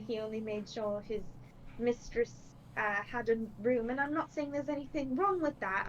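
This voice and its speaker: A woman's voice: a little high, close to an everyday voice. A woman voicing an articulate woman adventurer who argues her case point by point. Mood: arguing. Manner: measured and persuasive, debating point by point. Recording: slightly dull with faint noise.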